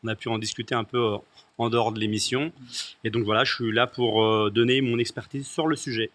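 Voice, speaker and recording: A man's voice: medium pitch, fairly even intonation, a little fast, a bit bright. A man who is a municipal candidate, speaking in a hesitant way and often repeating words. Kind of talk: political discussion.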